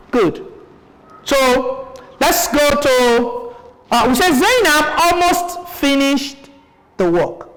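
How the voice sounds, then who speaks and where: A Nigerian woman teaching a televised primary-school lesson, asking questions and repeating sentences for pupils. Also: on the high side. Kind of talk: classroom lesson on TV. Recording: echoey room with long reverb.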